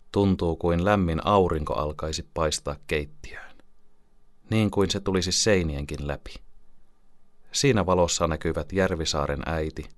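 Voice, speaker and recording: A man narrating a children's story calmly as an audiobook reader. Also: very deep voice, dry recording, clean studio sound.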